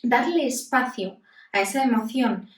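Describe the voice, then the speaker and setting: A woman in her thirties talks as a psychologist, calm and candid, often pausing to find her words. Her voice rings in a roomy space, picked up from a little distance. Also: a little high. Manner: calm, candid, with many pauses. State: voice breaking with emotion. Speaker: psychologist and podcast host. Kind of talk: reflective self-help talk. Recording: roomy echo, mic at a distance.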